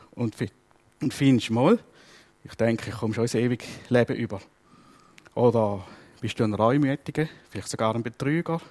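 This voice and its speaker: A male preacher with a Swiss German accent, giving a sermon in a lively storytelling manner at an ordinary mid pitch. He acts out the people in his stories. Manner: lively storytelling, acting out voices.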